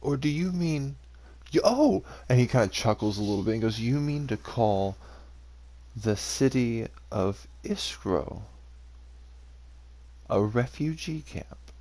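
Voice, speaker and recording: A man's voice: mid-range voice, lively intonation, fast, few pauses, a little mellow, lightly acted. A man voicing a wary, suspicious male forest soldier who asks probing questions with hesitant fillers. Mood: skeptical.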